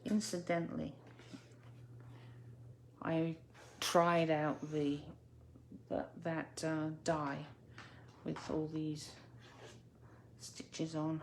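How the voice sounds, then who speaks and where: A woman's voice: sits low, level tone, drawn-out words, pauses often, darkish tone, a little hiss or hum. A woman chatting her way through a card-making tutorial, self-deprecating and muttering to herself as she works. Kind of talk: casual crafting tutorial.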